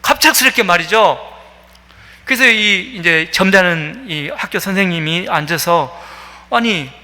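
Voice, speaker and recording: A man's voice: sits high, normal speed, sharp tone. A man preaching a sermon as pastor, telling a story with many fillers and acting out the quoted voices. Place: church sanctuary. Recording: long reverb of a church hall.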